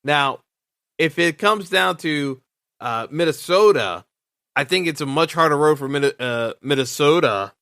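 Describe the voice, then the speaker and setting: A man hosts his own sports podcast alone, airing his opinions as he thinks them through. His voice sits a little high, bright and forceful, and is recorded dry and close. He stumbles and restarts often and fills gaps with "uh.". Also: measured pace, creaky, dry recording. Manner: hesitant, full of fillers and restarts. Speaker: podcast host. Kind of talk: solo sports podcast commentary.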